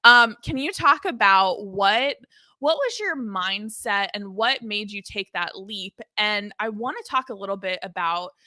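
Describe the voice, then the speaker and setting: A woman's voice: mid-range voice, lively intonation, measured pace, bright, forceful tone, no echo, studio quality. A woman of thirty hosting an interview, enthusiastic and talking in long rambling questions. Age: 30s. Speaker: podcast host. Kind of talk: interview conversation.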